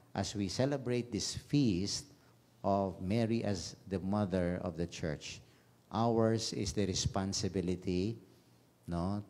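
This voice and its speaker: A Filipino parish priest preaches a homily in a low, dark voice at an unhurried pace. He moves freely between English and his own language, tagging his phrases with a questioning "no?" The delivery is mellow and pastoral, aimed at a radio congregation. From Philippines. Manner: switches between Tagalog and English, frequent "no?" tags. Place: radio station chapel.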